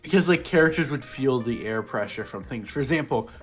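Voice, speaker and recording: A man co-hosting a casual podcast, talking in an animated, opinionated way with many fillers. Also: medium pitch, fairly quick, faint music behind. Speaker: podcast co-host. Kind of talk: casual chat.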